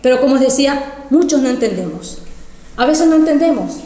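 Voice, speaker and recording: A woman's voice: sits high, lively intonation, brisk, dark tone. A woman preacher telling a personal testimony in a sermon, emotional, repeating phrases and calling out to the congregation. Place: church hall. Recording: echoey church hall. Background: congregation calling out amens.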